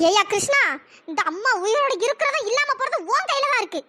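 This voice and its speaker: A voice actor playing a stubborn, melodramatic middle-aged mother in a cartoon drama, with a pitch-raised voice. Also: lively intonation, fast, bright, forceful tone, no room sound, exaggerated voice. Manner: melodramatic, pleading and threatening.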